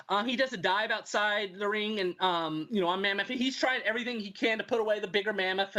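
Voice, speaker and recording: A man with a high, bright voice talks casually as a show host, looking back on old events. He rambles, filling every pause with ums and you-knows and restarting his sentences as he goes. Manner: rambling, filler-heavy, many ums and restarts. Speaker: wrestling history podcast host. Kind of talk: casual retrospective commentary.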